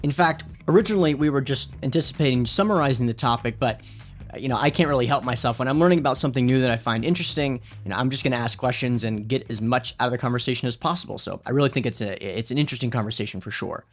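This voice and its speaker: A man's voice: mid-range voice, very fast, faint music behind. A man hosting a podcast, introducing the episode and guest earnestly, often saying "you know". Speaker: podcast host.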